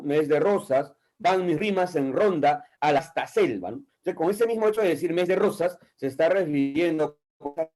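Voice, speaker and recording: Peruvian male literature teacher, unhurried, slightly high voice, keeps checking the class follows. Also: darkish tone, poor audio. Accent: Peruvian Spanish. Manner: keeps asking "¿listo?" and "¿no?"; reads poetry aloud slowly. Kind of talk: online exam-prep class.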